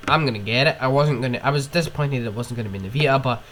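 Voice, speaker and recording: Racing along in a mid-range, slightly bright voice, a young man hosts his own podcast while ill with a cold, with slight background noise. His rant is rambling and casual, with sniffs and swearing.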